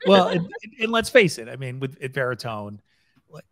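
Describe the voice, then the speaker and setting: A man's voice: mid-range voice, sing-song, normal speed, crowd noise. A man hosting a podcast panel, talking casually and steering the discussion toward his guests. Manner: conversational, steering the discussion with questions. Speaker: podcast host.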